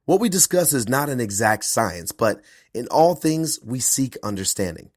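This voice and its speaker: Animated man with a cold-roughened voice. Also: mid-range voice, moderate pace, no room sound, clean studio sound. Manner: earnest, animated, self-promoting. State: hoarse from a cold. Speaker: podcast host and performance coach. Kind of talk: podcast intro monologue.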